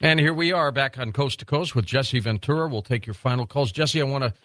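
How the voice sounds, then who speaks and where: A man's voice: medium pitch, fairly quick, fairly bright tone, no room sound. A man hosting a late-night radio talk show, friendly and affirming with his guest. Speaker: radio host. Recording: dry studio mic.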